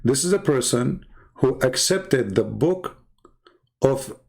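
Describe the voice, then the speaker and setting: A man's voice: animated, slow pace, creaky, a little mellow. Scornful man. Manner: mocking, scornful, swings between low mutters and high exclaims. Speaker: online debater. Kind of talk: heated ranting monologue.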